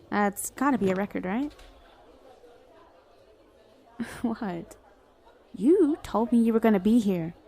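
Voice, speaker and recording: In an acted ASMR roleplay monologue, a woman with a natural, slightly mellow, medium-pitched voice plays a flirty villain justifying herself. She sounds casual, playful, and sardonic, teasing and amused throughout.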